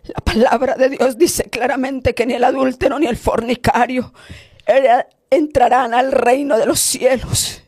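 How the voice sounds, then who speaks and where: High-voiced woman preaching her testimony slow and fervent, dry close sound. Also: fairly even intonation, a little mellow, no echo. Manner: fervent, interjects hallelujahs; slow, emphatic delivery. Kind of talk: emotional testimony sermon.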